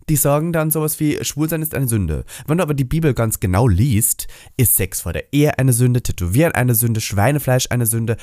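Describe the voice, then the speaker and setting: A podcast co-host tells his stories animatedly, and his voice swings widely in pitch. He slips English phrases into the chat. The sound is dry and close, with no room around it. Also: darkish tone, no echo. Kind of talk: casual chat.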